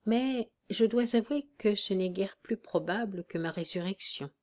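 A woman reading as a dying old army captain, hushed and calm. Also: mid-range voice, unhurried, close to an everyday voice. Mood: weary, tender. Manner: weak, hushed, steady.

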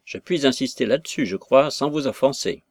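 A man's voice: mid-range voice, expressive, brisk, darkish tone, no echo, clean studio sound. A man reading aloud, voicing a quarrelsome old country father who fires indignant, accusing questions.

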